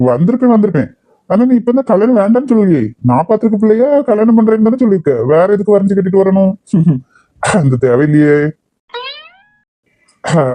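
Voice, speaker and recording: A man's voice: high voice, warm tone, no room sound. Man doing a sly coaxing older uncle. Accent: Kanyakumari Tamil. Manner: teasing, guilt-tripping. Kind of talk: cartoon voice acting.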